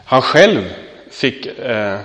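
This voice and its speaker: A pastor in his thirties preaches in a loose, conversational manner, with lots of small fillers and direct questions to his listeners. His voice sits at a middling pitch for a man. The sound rings with the long reverb of a large hall. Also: sing-song, a bit bright. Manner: conversational, many fillers, asks the congregation questions. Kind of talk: sermon.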